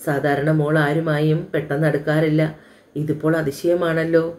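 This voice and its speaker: An anxious, loving older mother in her sixties from an audio storybook, voiced by a woman narrator. She pleads gently and in a motherly way, with a mellow, dark-toned voice. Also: low voice, flat delivery, moderate pace, close to an everyday voice. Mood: worried.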